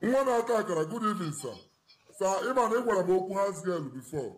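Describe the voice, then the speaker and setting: A deferential young cartoon man with a West African accent from Nigeria, acted by a man. His voice is high and talks fast. The dub sounds roomy and a little noisy, as in homemade comedy. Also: very animated. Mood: polite, deferential.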